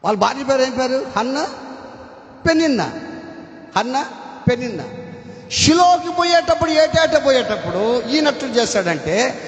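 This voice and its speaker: Pastor guy preaching hard, repeats himself, shouts now and then, long church reverb. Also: very high-pitched, sing-song, moderate pace, long pauses. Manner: emphatic preaching, repeats phrases, bursts into shouting. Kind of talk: sermon. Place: church hall. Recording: echoey hall with long reverb.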